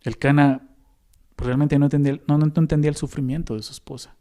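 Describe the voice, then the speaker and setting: A man's voice: a little high, little pitch movement, fast talker, mellow. A man with a Mexican accent preaching a sermon as a pastor, conversational and often adding tag questions to the listeners. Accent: Mexican Spanish.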